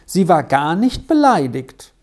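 A storybook reader voicing Sally, a lively young schoolgirl who talks quickly and eagerly. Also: mid-range voice, pitched above the performer's own voice.

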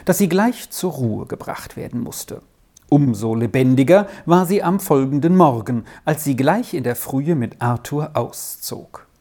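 A woman narrating a storybook in a measured, expressive reading style. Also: a bass voice. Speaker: audiobook narrator.

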